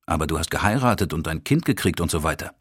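A man voicing a former lover who speaks quietly and almost tenderly. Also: rumbling low, expressive, fast talker, breathy edge, dry recording, studio quality, full character voice. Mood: soft. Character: gentle woman, former lover, soft-spoken.

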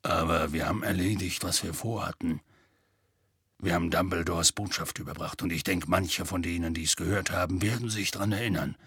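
A man voicing a huge, gruff, sad male half-giant gamekeeper in an audiobook, grumbling slowly and wearily. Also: steady tone, a bit bright, dry recording, studio quality, exaggerated voice. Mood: weary, gloomy. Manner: slow, low, weary grumbling. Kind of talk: audiobook character voice.

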